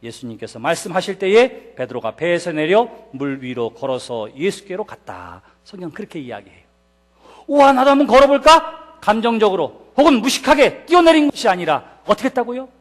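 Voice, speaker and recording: A man's voice: sits high, very animated, fairly quick, hardly any pauses. A male pastor preaching a sermon at a church service, emphatic and putting rhetorical questions to the congregation.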